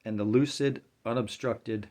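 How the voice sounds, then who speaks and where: A man giving a slow, reflective spiritual talk on meditation, sometimes dropping to a near-whisper. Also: mid-range voice, fairly even intonation, darkish tone. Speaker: spiritual teacher.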